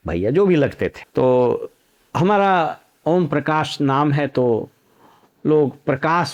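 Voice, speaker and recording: A man's voice: mid-range voice, darkish tone. A middle-aged man from Bihar, a former civil servant giving storytelling commentary full of proverbs and anecdotes. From Nalanda district, Bihar. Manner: anecdotal, uses proverbs, measured.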